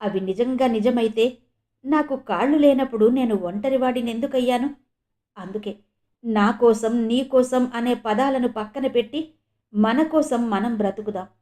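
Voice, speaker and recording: A woman's voice: a little high, mellow, close to an everyday voice. A woman voicing a proud man who has regained his ability to walk, speaking in an earnest, reflective way. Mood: dismissive.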